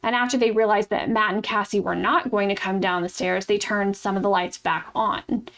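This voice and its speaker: A woman's voice: medium pitch, steady tone, normal speed, gravelly, fairly bright tone. A woman co-hosting a true crime podcast, telling the case in a blunt, casual way and swearing freely. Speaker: podcast co-host.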